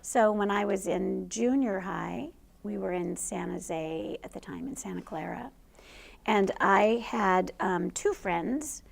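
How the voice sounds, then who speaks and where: A woman's voice: mid-range voice, unhurried, creaky. A middle-aged woman, a teacher, telling a personal story in a conversational way to an audience. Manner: conversational, laughs through funny parts.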